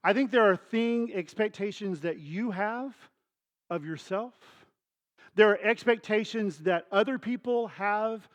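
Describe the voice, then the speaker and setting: A middle-aged pastor delivers his sermon in a high voice. He talks to the congregation casually and acts out scenes with voices and sound effects. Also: measured pace. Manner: storytelling with acted dialogue and sound effects; conversational, addresses congregation directly.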